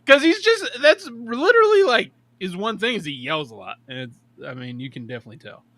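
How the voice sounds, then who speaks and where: A young man co-hosting a casual film review podcast, animated, laughing often and swearing casually. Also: high-pitched, a little fast, dry recording. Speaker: podcast co-host.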